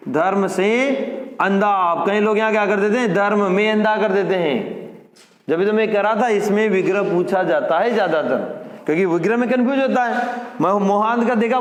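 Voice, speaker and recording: A man teaching a grammar lesson to exam students, repeating key words and quizzing his class. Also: sits high. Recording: echoey room with long reverb.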